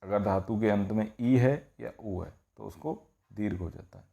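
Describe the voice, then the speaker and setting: A man's voice: lowish voice, measured pace, gravelly, mellow. A man teaching Sanskrit grammar, explaining rules step by step and often asking the class rhetorical questions. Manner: explanatory, repeats "ठीक है" and asks rhetorical questions. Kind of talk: classroom-style grammar lesson.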